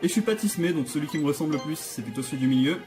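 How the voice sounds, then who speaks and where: A man's voice: fairly high pitch, lively intonation, rapid-fire, a little mellow, faint music behind. A man giving let's play commentary, nervous and jokey, often restarting his sentences. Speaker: gaming channel host.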